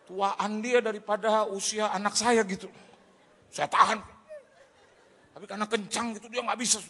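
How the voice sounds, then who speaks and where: Animated pastor man, bright high voice. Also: normal speed, slightly rough. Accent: Indonesian. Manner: animated storytelling, acting out shouted dialogue with laughter. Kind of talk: humorous sermon testimony. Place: large church hall. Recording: hall reverb from a church.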